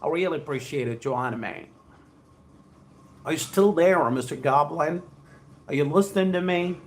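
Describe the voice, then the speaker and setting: A man with a higher-pitched voice talks at normal speed while teaching spoken English on a live stream. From Andhra Pradesh and speaking with a South Indian accent, he reads aloud, repeats himself, and addresses his audience effusively and formally.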